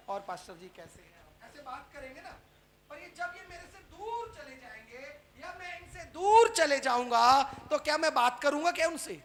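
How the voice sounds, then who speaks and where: This preacher's voice is very high-pitched as he addresses a live congregation with rapid rhetorical questions. Almost every point ends with a quick "right?", and he alternates loud calls with quieter asides.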